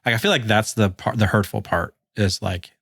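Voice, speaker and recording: Co-host, male, lowish voice, reactive and exclamatory, dry close recording. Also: slightly rough, dry recording. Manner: reactive, expressive, quick to exclaim. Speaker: podcast co-host. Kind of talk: casual movie podcast chat.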